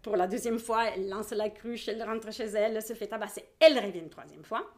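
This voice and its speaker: A woman's voice: mid-range voice, fast talker, a little mellow. A woman telling a folk tale aloud in a casual, hesitant way, with many fillers and acted-out voices. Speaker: storyteller.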